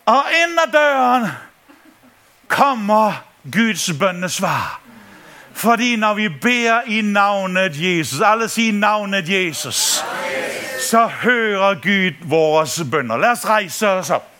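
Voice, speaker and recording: A man from Denmark preaching a sermon, telling a story and acting out the voices in it with lots of energy. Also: high voice. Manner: animated, acts out voices in his stories, laughing often. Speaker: pastor.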